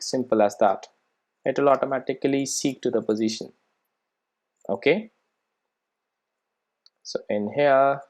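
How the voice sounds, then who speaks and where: Someone presents an informal live coding tutorial, thinking out loud and frequently checking in with "right" and "okay." Their mid-range voice is a little mellow.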